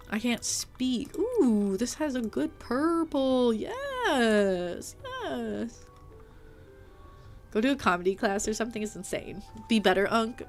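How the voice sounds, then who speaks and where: A woman live-streaming a game, chatting casually and playfully, teasing her viewers and poking fun at herself. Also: fairly high pitch. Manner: animated, with frequent filler "like" and mild swearing.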